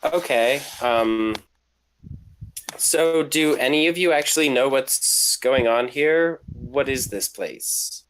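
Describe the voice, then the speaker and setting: A man taking part in a tabletop game, speaking slowly and unsure of himself, with plenty of ums. His voice has a bright, clear edge. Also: mid-range voice, low-quality recording. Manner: unsure, hesitant, with fillers. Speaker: player.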